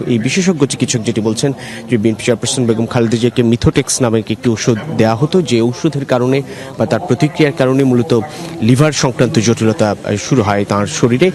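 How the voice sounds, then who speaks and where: A man giving a live field news report from an outdoor plaza, measured and steady, pausing with frequent filler sounds. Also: mid-range voice. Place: outdoor plaza at a public event.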